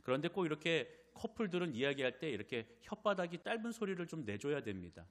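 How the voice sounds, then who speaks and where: Animated, lively-voiced male pastor preaching. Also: on the high side, quick pace. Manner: animated storytelling with direct appeals to the congregation. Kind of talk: sermon. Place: church.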